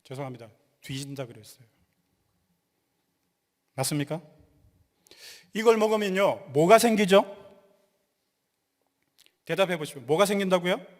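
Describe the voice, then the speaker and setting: A male pastor giving a lively sermon, quizzing the congregation and joking with them. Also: sits high, moderate pace, pauses often. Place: church sanctuary. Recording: long hall reverb.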